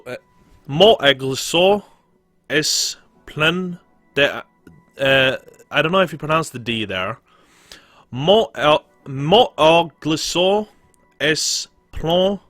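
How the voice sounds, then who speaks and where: A man's voice: fairly high pitch, pushed and bright, no room sound. A young man giving casual, rambling let's play commentary and swearing freely. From Sweden. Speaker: gaming streamer. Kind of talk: let's play commentary, reading game text aloud.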